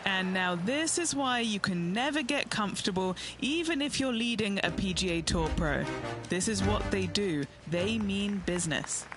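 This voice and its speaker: A man's voice: high-pitched, animated, normal speed, music in the background. A man playing a matter-of-fact on-course golf commentator, giving short, informal reports in a video game.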